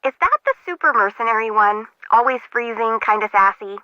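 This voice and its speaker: Here a woman's voice sits on the high side, animated and a little fast, near an ordinary speaking voice and free of room sound. Voicing a quirky young female harbor intern in a game, she chats, rambles and pokes fun at herself through a muffled, lo-fi sound.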